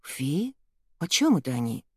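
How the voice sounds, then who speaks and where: A curious, anxious young boy in a storybook, read by a woman, hushed and puzzled, kept in a low, mellow register. The sound is dry and close. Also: big pitch swings, measured pace, husky, no room sound, heavily acted.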